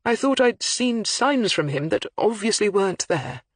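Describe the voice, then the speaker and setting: A reader doing a wavering older academic. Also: male voice, high voice, lively intonation, normal speed, no echo, pitched above the performer's own voice. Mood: pained, defensive. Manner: wavering, hesitant, apologetic. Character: older male academic, emotional and defensive.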